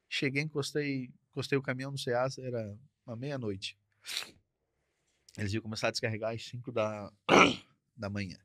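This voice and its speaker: A man's voice: medium pitch, a bit bright, no echo. Male trucker guest, mid-range voice, plain conversational storyteller, dry studio sound. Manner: repetitive, conversational, frequent tag questions. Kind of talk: casual storytelling. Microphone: podcast studio mic.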